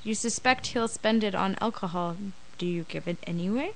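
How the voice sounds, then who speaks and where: A woman's voice: medium pitch, moderate pace, fairly bright tone, a little hiss or hum, low-quality recording. A woman in a casual podcast chat, giggly and a bit reluctant as she reads a question aloud. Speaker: podcast guest.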